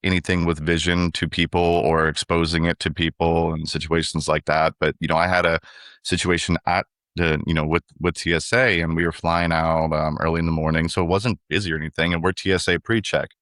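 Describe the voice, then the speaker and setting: A man with a very low voice tells a story on a podcast, slipping into the voices of the people in it. He sounds close to the mic, with a dry, unechoing sound and no room behind him. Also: fairly quick, dry recording. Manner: animated storyteller acting out others' lines. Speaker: podcast co-host. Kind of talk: casual conversational storytelling.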